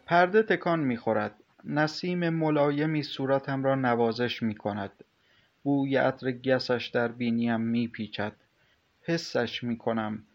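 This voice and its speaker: A man narrating a first-person story in a calm, measured way. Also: mid-range voice. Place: recording studio. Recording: slightly muffled studio recording with soft music.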